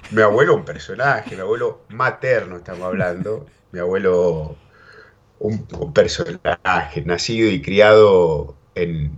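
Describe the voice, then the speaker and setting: A bilingual Spanish-English Argentine guy with a really deep, husky voice tells stories as an interview guest, a little slowly and in a rambling way. He keeps repeating words and saying "¿viste?", and the audio is dull and lo-fi.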